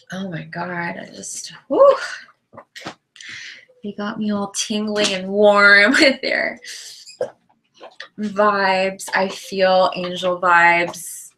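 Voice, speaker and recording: A woman giving a live tarot reading, earnest and emotional, reading card texts aloud and often dropping to a soft whisper. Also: medium pitch, a little hiss or hum, poor audio. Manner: spiritual, chatty, reads card texts aloud. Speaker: tarot reader.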